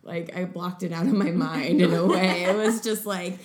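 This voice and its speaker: A woman's voice: fairly low pitch, steady tone, normal speed, background noise. A young woman chatting casually in an upbeat, easygoing way, with lots of "like" and "you know" fillers. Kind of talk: casual chat. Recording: echoey room.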